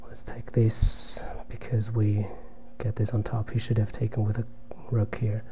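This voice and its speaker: A soft-spoken chess player, German being his first language, offers live commentary on his own online blitz game in a lowish, monotone voice. He thinks aloud in halting bursts and drops to nearly a whisper when he's calculating.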